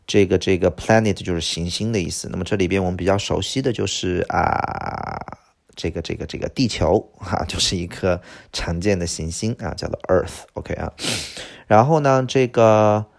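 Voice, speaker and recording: A middle-aged man teaching English vocabulary, stumbling over filler words and slowly repeating each word he teaches. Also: low voice, creaky. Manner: lots of "这个" filler, drawn-out slow repeats of words. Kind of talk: vocabulary lesson.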